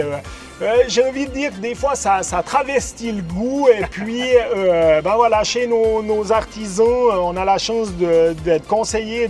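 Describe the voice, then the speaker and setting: A man with a Swiss French accent, casually presenting a food show as host, with a hesitant, halting delivery. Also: high voice, darkish tone.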